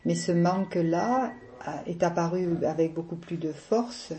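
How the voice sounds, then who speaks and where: A middle-aged woman from the south of France tells her story in a casual interview, her southern French accent clear in every phrase. Her voice sits low and mellow. She talks freely, laughs often and stops on little fillers as she searches for words. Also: a little slow, a little hiss or hum. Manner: chatty, laughs often, hesitant with many fillers. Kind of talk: casual personal conversation.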